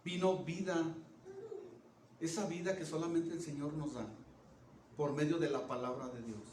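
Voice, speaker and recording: A male preacher with a high voice delivers a sermon, often asking the congregation questions and checking they follow along. He swings between loud, emphatic phrases and hushed, low ones. He is picked up from a distance in an echoey church room with faint noise behind him. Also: fairly even intonation, normal speed. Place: church hall.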